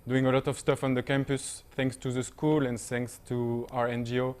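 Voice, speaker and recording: A young man, a panel guest speaking halting English with many fillers. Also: mid-range voice, level tone, a little mellow, clear, resonant tone. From France. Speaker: panel guest, volunteer teacher.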